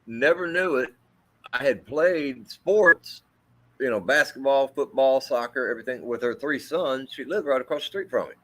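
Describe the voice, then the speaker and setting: Poor audio captures a middle-aged male army veteran whose deep, carrying voice sounds pushed and bright. He tells a personal story in an interview, speaking haltingly with many fillers and restarts.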